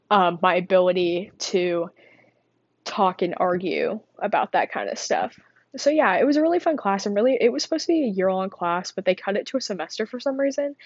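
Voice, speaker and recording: A teenage student vlogger delivers a casual, rambling monologue while a bit out of breath, her middle-pitched voice drifting between thoughts, full of fillers and self-deprecating chatter. It's recorded close up in a small, quiet space, so the sound is dull and dry with no echo.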